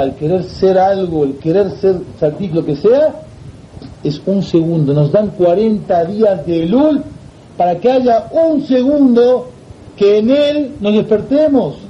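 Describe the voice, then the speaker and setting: Animated male preacher telling a story, high voice, muffled recording. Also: slight background noise. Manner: animated storyteller, repeats words for effect. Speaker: religious teacher. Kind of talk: sermon with storytelling. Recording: dull lo-fi recording.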